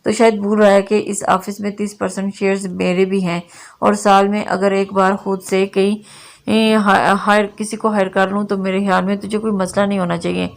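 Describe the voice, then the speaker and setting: Easygoing young man, read by a woman narrator, relaxed and flat. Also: mid-range voice, moderate pace, gravelly, close to an everyday voice.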